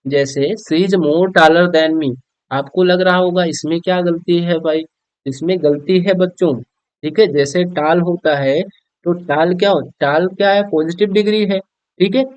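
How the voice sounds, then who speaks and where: High-voiced Hindi-accented man teaching grammar. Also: fairly even intonation, moderate pace, a little mellow, clear, resonant tone, dry recording. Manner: addresses students as children, frequent "theek hai" check-ins. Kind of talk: classroom grammar lesson. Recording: dull, dry lo-fi recording.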